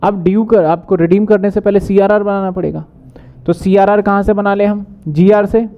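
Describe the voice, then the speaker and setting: A man teaching accounting in a brisk lecture, asking questions and answering them himself. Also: high voice, steady tone, muffled recording. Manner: brisk, asks and answers his own questions. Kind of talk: whiteboard lecture.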